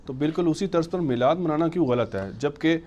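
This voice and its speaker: A man reading questions aloud to a scholar in a measured, questioning tone. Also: a little high, darkish tone, highs cut off.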